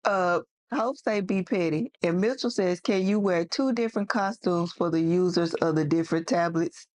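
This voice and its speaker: A woman's voice: fairly low pitch, moderate pace, a little mellow. A woman co-hosting a casual livestream, reading out chat comments and teasing the host dryly.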